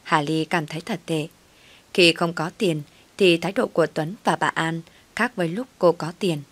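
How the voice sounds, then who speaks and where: A woman narrating a family story in a steady, plain way. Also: low-pitched, normal speed, no echo.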